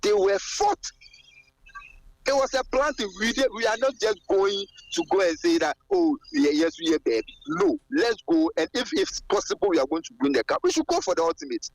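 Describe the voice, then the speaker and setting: A Ghanaian man with a Ghanaian accent rings a radio show via car speakerphone as he drives, his high, creaky voice moving briskly with big pitch swings. He grows impassioned, repeating phrases and building to fervent exclamations. The low-quality recording has no echo and faint music in the background.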